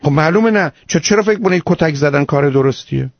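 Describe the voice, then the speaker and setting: A man's voice: fairly high pitch, animated, dry recording. Stern guy giving a caller a firm talking-to on a call-in show, dry dull sound. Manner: stern, lecturing, emphatic. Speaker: radio call-in advisor.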